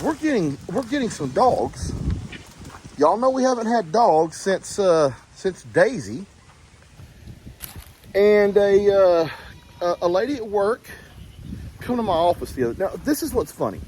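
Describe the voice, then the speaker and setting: A slightly high-pitched man with a drawl rambles to camera in a relaxed, folksy way, filling gaps with "uh". He is outside on a farm, and faint wind noise hisses under his voice. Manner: folksy, rambling, lots of "uh" and "y'all". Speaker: farm vlogger. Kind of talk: casual vlog talking to camera. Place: outdoors on a windy farm. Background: wind and farm animals.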